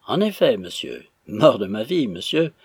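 A man voicing a boisterous, impatient male stranger who talks loudly and theatrically. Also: fairly low pitch, sing-song, measured pace, breathy edge, no room sound, clean studio sound, exaggerated voice. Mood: swaggering. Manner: loud, mocking, theatrical.

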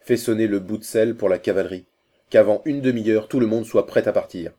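A man doing an old prince in an audiobook, broken by grief yet burning for vengeance, barking orders in a low, mellow voice that rises sharply when he is angered. He sounds commanding and bitter. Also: steady tone, a little slow. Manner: anguished, then commanding and vengeful. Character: grief-stricken old Indian prince, wrathful father.

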